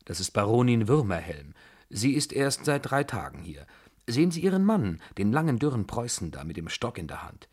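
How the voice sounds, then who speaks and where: A man's voice: lowish voice, big pitch swings, normal speed, darkish tone, breathy edge. A man voicing a proud, scornful young woman who gives cold, mocking commands, read in an audiobook. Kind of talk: audiobook dialogue.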